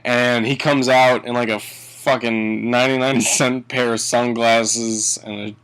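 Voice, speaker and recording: A man giving a casual comedic movie review in a tipsy, halting ramble, swearing and often chuckling mid-sentence. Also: medium pitch, level tone, a bit bright, clean tone, rough recording. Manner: tipsy, drunken rambling delivery. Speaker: film reviewer.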